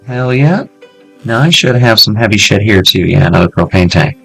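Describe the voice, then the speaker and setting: A man hosting a casual let's-play, chatting to himself in an excitable way and swearing freely as he loots. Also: fairly low pitch, moderate pace, creaky, husky, soft background music. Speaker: gameplay video host.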